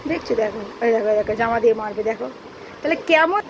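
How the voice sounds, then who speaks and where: A woman's voice: on the high side, lively intonation, rapid-fire, background noise. A young woman, chatting to viewers at home in a casual vlog and scolding her child. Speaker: vlogger. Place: home, indoors.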